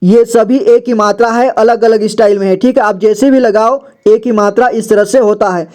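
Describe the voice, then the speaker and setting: A man's voice: sits high, steady tone, normal speed, a little mellow. A man teaching a Hindi reading lesson, patiently sounding out each word and repeating it twice.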